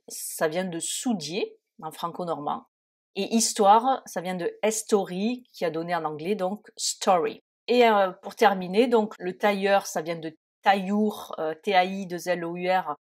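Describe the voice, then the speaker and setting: A woman teaching an English lesson in French, often hesitating and spelling words out letter by letter. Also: fairly low pitch. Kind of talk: spoken lesson.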